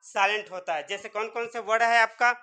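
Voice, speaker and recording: Guy teaching english pronunciation, bright crisp voice, spells stuff out sound by sound, keeps asking then answering himself. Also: high voice, fairly even intonation, a little fast. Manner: repeats rhetorical questions and answers them himself; sounds out words letter by letter. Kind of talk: classroom-style spelling and pronunciation lesson.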